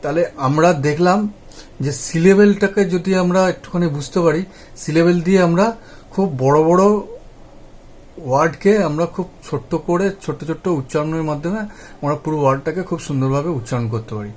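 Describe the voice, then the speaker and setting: A man's voice: fairly high pitch, brisk, a little mellow. A man teaching English pronunciation. He spells words out letter by letter, repeats them and checks often that the viewer follows. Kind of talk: spoken lesson.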